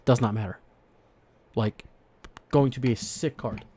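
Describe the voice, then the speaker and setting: Excitable young man chatting. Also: mid-range voice, a little slow, husky. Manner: excitable, rambling, swears casually. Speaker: podcast co-host. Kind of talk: casual chat about football cards.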